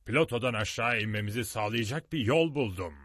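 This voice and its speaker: A man voicing a boastful, brusque old professor in an audiobook, booming and triumphant. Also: lively intonation, brisk, fairly bright tone, no room sound, studio quality.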